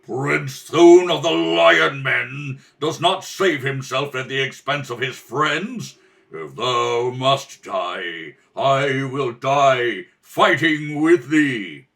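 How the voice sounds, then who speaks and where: A man's voice: mid-range voice, expressive, slow pace, vocal fry, fairly bright tone, pitched below the performer's own voice, heavily acted. A man voicing a proud, noble warrior prince in a radio space serial, with formal, archaic speech. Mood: defiant. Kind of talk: old-time adventure radio serial acting.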